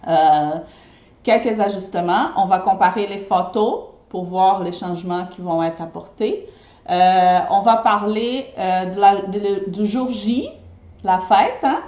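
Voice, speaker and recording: Her voice medium in pitch and a little mellow, a woman talks slowly to viewers in a live video, regularly asking "ok?". She's a Brazilian, Portuguese-native eco-friendly party decorator speaking French with an accent that mixes Brazilian and Québécois. The sound is roomy and muffled.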